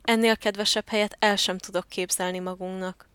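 A woman's voice: medium pitch, level tone, fairly bright tone, clear, resonant tone, dry recording, natural voice. A woman reading the lines of Gertrud, a fussy, hard-to-please female turtle dove who is looking for a home, in a storybook voice. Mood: delighted.

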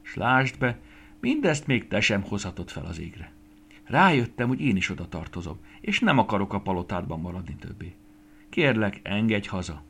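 Brief: male reader voicing an earnest little fairy girl, animated, leaps up in pitch when stirred. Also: slight background noise. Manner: rises high and loud when excited. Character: curious small fairy girl, gentle and earnest.

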